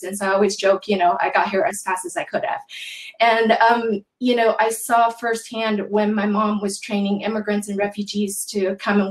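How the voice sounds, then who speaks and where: A woman from Taiwan, in her thirties or forties, speaking as a guest on a panel. She talks hesitantly and fills pauses with many ums. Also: medium pitch, reverberant, poor audio. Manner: hesitant, many filler words. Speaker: panel guest, social practice artist. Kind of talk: casual panel talk.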